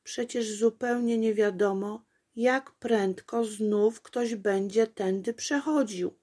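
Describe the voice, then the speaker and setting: A woman's voice: mid-range voice, slow pace, warm tone, slightly rough, voice pushed up. A woman voicing a fussy little princess who frets and exclaims breathlessly. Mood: worried. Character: fussy little princess girl, easily worried.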